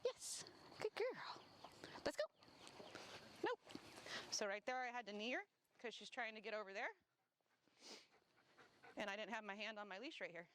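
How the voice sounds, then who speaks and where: A woman dog trainer talking casually as she walks outdoors, explaining each step and breaking off to give quick praise and corrections. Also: medium pitch, pushed and bright, slight background noise. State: slightly winded from walking. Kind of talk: casual instructional talk while walking a dog. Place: outdoors on grass.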